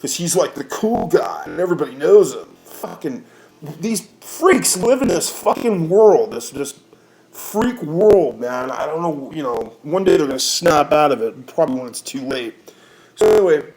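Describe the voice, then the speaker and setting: A man's voice: fairly high pitch, sing-song, normal speed, darkish tone, a little hiss or hum. A man working as a rideshare driver, telling a story in a profane, heated rant full of sighs and restarts. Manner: rambling with many restarts.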